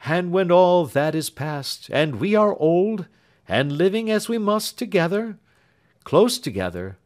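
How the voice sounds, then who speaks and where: A man's voice: high voice, sing-song, measured pace, pitched above the performer's own voice. An older-sounding male reader voicing an earnest, affectionate young man, speaking eagerly and with feeling. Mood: fervent.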